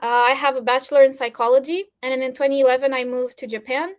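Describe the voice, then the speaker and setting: A woman's voice: high voice, flat delivery, fast talker. A woman from Romania giving an earnest presentation over a video call, with fillers and restarts. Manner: earnest, with fillers and restarts, briefly flustered by tech trouble. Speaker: speaker at an online talk. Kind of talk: presentation talk.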